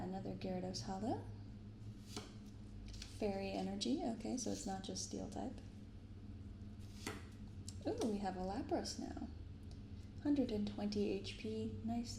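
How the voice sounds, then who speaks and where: Gentle and unhurried, a card-opening ASMR host speaks in a soft, creaky, mid-range voice while giving casual commentary. A binaural mic picks her up amid roomy echo and clearly audible background noise.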